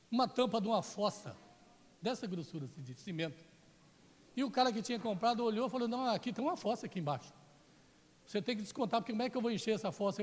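A man with a Brazilian Portuguese accent preaches in a high, lively voice that rises and falls all over. He tells stories in a chatty way and teases people in the pews by name. A long reverb from the church hall trails after him. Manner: chatty, jokes with the congregation by name. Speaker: pastor. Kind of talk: storytelling sermon.

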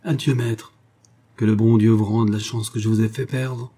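A man voicing a proud young foundling servant girl who speaks calmly and scornfully. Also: fairly low pitch, moderate pace, close to an everyday voice. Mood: resigned. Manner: calm, clear, scornful.

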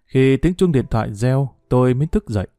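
A man narrating a first-person story in a measured, reflective, melancholy reading. His voice is mellow and mid-pitched, and the recording is dry and close. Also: lively intonation, no echo.

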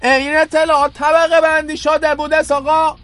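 A man playing a shrill, pompous colonel. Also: level tone, a bit bright, dry recording, soft background music. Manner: formal, indignant, takes offence quickly. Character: pompous touchy male police colonel, gullible. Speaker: colonel being interviewed. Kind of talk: radio comedy sketch. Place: radio studio.

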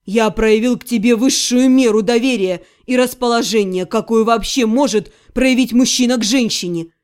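A woman voicing an earnest young male necromancer who speaks quietly and sincerely. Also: a little high, moderate pace, clear, resonant tone, pitched below the performer's own voice, natural voice. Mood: tender, earnest. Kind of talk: audiobook character voice.

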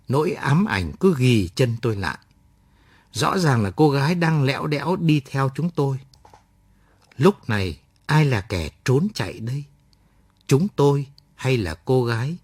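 A man reading a story aloud at night with measured, expressive storytelling. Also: medium pitch, slightly rough, no echo. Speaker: story narrator.

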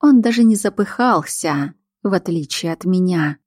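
A woman reading a first-person novel aloud as narrator, with an expressive, emotional delivery. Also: lowish voice, normal speed, dry recording, clean studio sound. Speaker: audiobook narrator.

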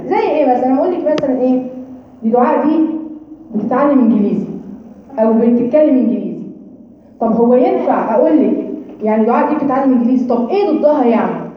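Woman teacher, Egyptian accent, high voice, quick, patient checking questions, dull lo-fi sound. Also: slight background noise. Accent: Egyptian Arabic. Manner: explains patiently, keeps checking understanding, demonstrates letter sounds. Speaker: Quran recitation teacher. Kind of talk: informal lesson explanation. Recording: echoey, distant, dull room recording.

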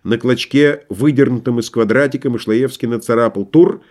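Man narrating a novel, measured and dramatic. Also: mid-range voice, darkish tone. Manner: measured, dramatic storytelling with acted dialogue. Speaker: audiobook narrator. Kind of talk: literary audiobook reading.

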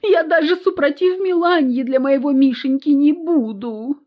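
Shrill, whiny young village girl for an audiobook, high and loud, slightly dull sound, read by a woman. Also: normal speed, natural voice. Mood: tearful. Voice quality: shrill, squealing. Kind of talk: audiobook character voice.

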